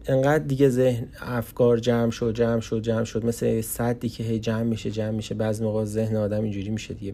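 A tired young man speaks off the cuff in his own podcast, pausing often and searching for words. His voice is low, dark and gravelly. A faint rumble of noise sits under the recording. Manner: hesitant, many pauses and fillers. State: tired from lack of sleep. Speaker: podcast host. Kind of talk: unscripted personal podcast monologue. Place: small office, alone.

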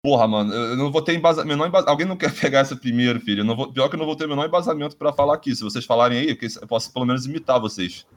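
A man's voice: mid-range voice, very fast, few pauses. Brazilian man hosting a rambling podcast. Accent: Brazilian Portuguese. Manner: rambling, swears freely, many restarts. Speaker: podcast host. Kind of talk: casual sports podcast chat.

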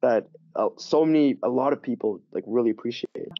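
In a casual podcast interview, a language teacher spins lively stories packed with fillers and fast restarts. His mid-range voice is gravelly. The sound is dry and close, dull and muffled, with no echo.

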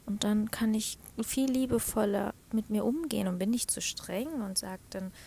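A woman talking personally and reflectively, often dropping to a soft half-whisper and laughing between thoughts. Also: mid-range voice, moderate pace, gravelly, slight background noise. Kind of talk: personal talk about her cycle.

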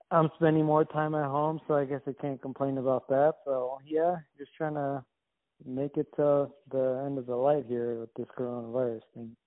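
A young man from Somalia, an interview guest, talking in a halting, reflective way with many restarts. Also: medium pitch. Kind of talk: casual conversation. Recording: tinny phone-like call line.

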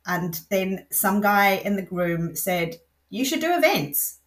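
A woman's voice: mid-range voice, sing-song, takes it slowly. A middle-aged woman with a Scottish accent, chatting easily and telling stories as a guest in a podcast interview. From north of Scotland. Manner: chatty, storytelling, laughs easily. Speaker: guest, events association general manager.

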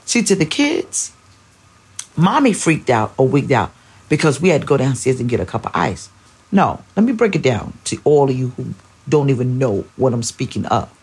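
A woman in her forties, a pastor hosting a podcast, telling family stories in a casual, animated way. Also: extremely low pitch, normal speed, slightly rough. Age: 40s. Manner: animated, acts out family scenes with exclamations.

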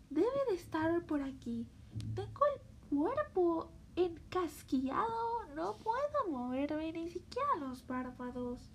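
Rusty tin man, stiff and stuck, pleading, high and slow, played by a woman. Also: a little hiss or hum, full character voice. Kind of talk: children's stage play.

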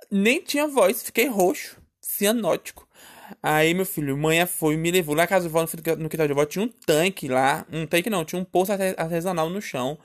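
A young man with a Northeastern Brazilian accent, telling a personal story in a chatty, dramatic way and often speaking straight to the listeners. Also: a little high. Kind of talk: casual comic storytelling.

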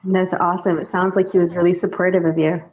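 A woman hosting a casual interview, friendly and chatty, with many fillers. Her voice sits fairly low. The recording sounds dull and lo-fi. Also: flat delivery, fast, crowd noise. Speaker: interview host.

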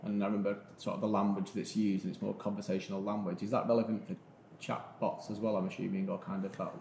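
A man's voice: on the low side, flat delivery, fast talker, creaky, a little mellow. A man talking casually as a panellist in a podcast discussion. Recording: roomy echo, faint noise.

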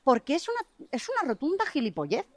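Woman rattling off stories on a dog walk, bit high pitched, super fast, swears a lot, dry close sound. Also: dry recording. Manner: fast, animated storytelling with swearing; tearful-prone, emotional retelling. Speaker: podcast co-host. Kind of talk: casual chat while walking dogs. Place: outdoors on a street, walking a dog.

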